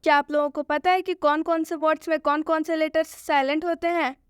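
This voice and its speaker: A woman's voice: high-pitched, little pitch movement, a little fast, no echo, clean studio sound. A woman introducing a video lesson, speaking directly to students and asking them questions. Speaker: teacher.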